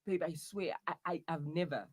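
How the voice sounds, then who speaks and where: Brief: man voicing a touchy young boyfriend stuck in the wrong body, comic audio drama, whiny outbursts, husky tone. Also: on the high side, normal speed, close to an everyday voice. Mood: pleading.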